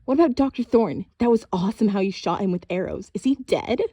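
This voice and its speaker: A woman reading an audiobook, voicing an excitable, eager boy who talks high and loud. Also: brisk, slightly rough, no echo, muffled recording. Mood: thrilled.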